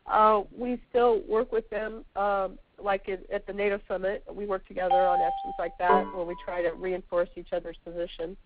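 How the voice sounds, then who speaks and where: A woman with a scratchy voice from a sore throat and a sniffly cold, answering questions haltingly as a guest on a conference call. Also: mid-range voice, flat delivery, faint music behind. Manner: halting, searching for words. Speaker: guest speaker, veterans' organization representative. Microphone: telephone. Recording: tinny, narrowband phone line.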